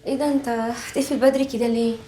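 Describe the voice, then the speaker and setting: A woman's voice: fairly high pitch, steady tone, rapid-fire, noisy background, natural voice. An actress with an Egyptian accent playing a divorced woman who angrily accuses the man who used her, in a film drama. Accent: Egyptian Arabic. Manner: accusing, indignant. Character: bitter divorced woman, betrayed lover.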